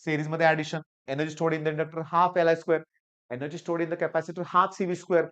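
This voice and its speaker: A hoarse man with a Marathi accent runs through exam physics problems, repeating key points and coaxing his students along. His voice stays smooth and resonant despite the sore throat. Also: on the high side, level tone, slow pace, fairly bright tone, muffled recording. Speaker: physics teacher. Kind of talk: exam-prep lecture.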